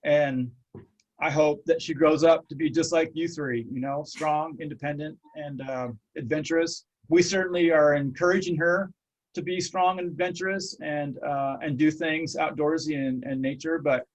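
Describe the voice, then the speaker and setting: A man's voice: on the high side, steady tone, moderate pace, rough recording. Earnest man hosting. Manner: rambling, earnest, reflective. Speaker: host. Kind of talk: casual interview.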